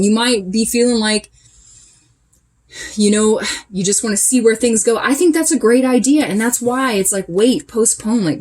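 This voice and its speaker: A woman's voice: medium pitch, darkish tone, breathy edge. A woman giving a casual channeled tarot reading, chatty and emphatic, coaching her listeners directly. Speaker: tarot reader.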